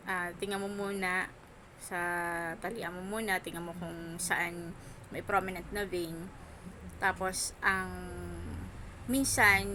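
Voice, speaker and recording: Slow-talking woman with missing front teeth. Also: lowish voice. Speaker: medical technology instructor. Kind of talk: informal hands-on demonstration lesson. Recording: noisy room, noise from outside. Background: background noise, child outside.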